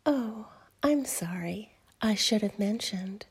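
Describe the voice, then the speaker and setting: A woman's voice: medium pitch, lively intonation, exaggerated voice. A woman playing a coaxing whispering fairy. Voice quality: soft breathy whisper. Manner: slow, coaxing, with soft laughs. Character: teasing, doting adult female fairy. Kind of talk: whispered audio roleplay.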